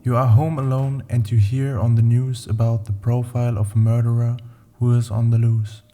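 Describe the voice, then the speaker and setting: A man narrating short horror stories in a slow, deliberate, ominous manner. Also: medium pitch, little pitch movement, dark tone. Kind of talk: scripted horror story narration.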